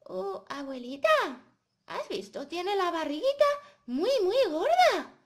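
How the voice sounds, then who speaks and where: A woman's voice: big pitch swings, slow, full character voice. Caperucita, woman doing a chirpy little girl. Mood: sweet. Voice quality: high, chirpy, exclaiming.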